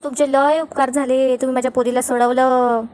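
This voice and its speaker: A woman's voice: sits high, level tone, a little fast, darkish tone, a little hiss or hum, lightly acted. A woman voicing a drunk middle-aged father who slurs and stumbles over his words. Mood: tearful.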